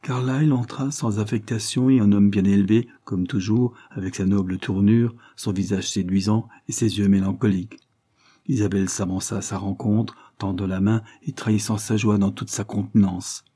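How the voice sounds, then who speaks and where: A man reading a classic novel aloud as an audiobook in measured scripted narration. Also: on the low side, steady tone, mellow, husky. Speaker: audiobook reader.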